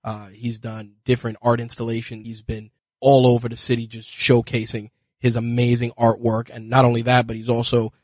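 Flat-voiced male podcast host. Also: mid-range voice, brisk, no echo. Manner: hesitant, many fillers and restarts. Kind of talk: casual interview. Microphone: podcast studio mic.

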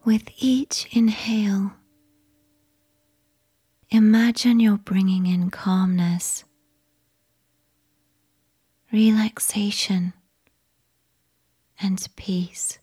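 A woman telling a sleep story in a soft, soothing unvoiced whisper, guiding relaxation. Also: mid-range voice, steady tone, drawn-out words, long pauses, breathy edge.

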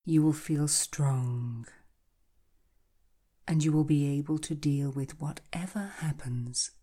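Slow, soothing, breathy woman guiding hypnosis. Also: low voice. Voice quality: breathy, soft. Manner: slow, soothing, hushed and half-whispered, as if easing into a countdown. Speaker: hypnotherapy guide. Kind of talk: guided hypnosis relaxation, scripted narration.

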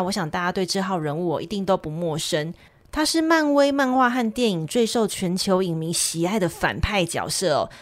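A woman with a Taiwanese Mandarin accent who hosts a storytelling podcast, in a friendly, teasing presenter tone. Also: fairly low pitch. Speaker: podcast host. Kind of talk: casual chat and story introduction.

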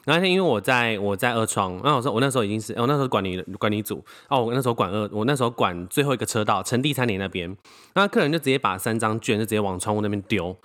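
A man's voice: on the low side, very fast. A young man co-hosting a casual podcast, telling stories animatedly and acting out quotes. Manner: animated storyteller, acts out quotes, swears. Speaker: podcast co-host. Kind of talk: casual storytelling chat.

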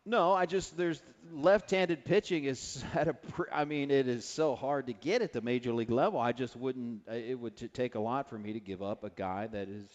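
A man's voice: mid-range voice, moderate pace, few pauses, in a large hall, muffled recording. Stat-minded male radio co-host. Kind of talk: sports call-in radio talk.

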